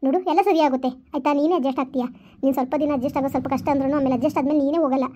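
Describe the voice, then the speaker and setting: A woman's voice: sits high, steady tone, very fast, a little hiss or hum, natural voice. A woman voicing a patient mother who soothes and coaxes her crying daughter in a family skit. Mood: reassuring. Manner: soothing, coaxing, lecturing softly.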